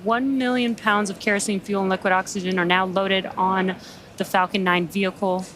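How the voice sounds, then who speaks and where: A woman's voice: mid-range voice, flat delivery, moderate pace, fairly bright tone. A woman hosting live launch commentary, explaining each step in an upbeat manner. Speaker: launch webcast host.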